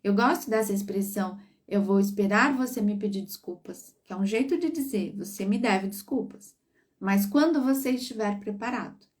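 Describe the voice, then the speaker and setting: Recorded from a distance, a woman with a mid-range voice advises parents on a live stream as a psychologist. Her tone is warm and coaching, and she checks in with listeners along the way.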